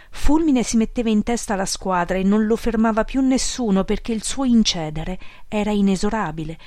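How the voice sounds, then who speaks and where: A woman narrating an audiobook in a measured, wry storytelling manner. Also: mid-range voice, darkish tone, no room sound. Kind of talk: audiobook reading.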